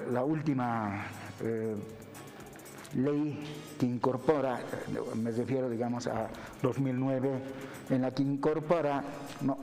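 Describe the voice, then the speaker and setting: In a TV interview, a Bolivian man lecturing at university level explains matters didactically in a mid-pitched voice with a dark tone. He keeps adding brief tag questions to his phrases, and the recording has long hall-like reverb plus faint music.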